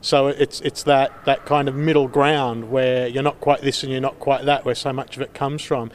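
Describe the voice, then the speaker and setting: A man's voice: medium pitch, level tone, normal speed. A male radio interviewer with a mid-range voice, asking careful, thoughtful questions. Faint hiss sits under him.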